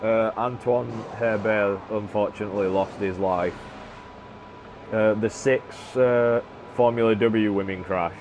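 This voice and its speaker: A man's voice: lowish voice, unhurried, dull audio. A man chatting casually as a gaming streamer during a racing game, rambling with many filler sounds. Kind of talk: casual chat while playing a racing game. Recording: steady background noise.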